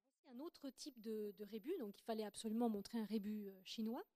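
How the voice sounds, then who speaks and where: A woman giving an academic lecture, explaining slides carefully and pausing often to rephrase as she speaks. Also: a little high, mellow, dry recording. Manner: careful, explanatory, with frequent hesitations and restarts.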